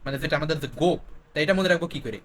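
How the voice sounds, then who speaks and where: A young man with a high, light voice runs an exam-prep spelling lesson. He spells words out letter by letter and keeps asking questions to drive each point home. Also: very fast. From Bangladesh. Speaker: teacher.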